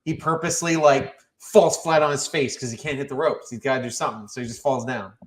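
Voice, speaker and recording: A man guest on a podcast, telling wrestling stories in casual chat and acting out his own shouted lines. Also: mid-range voice, steady tone, fast, echoey room.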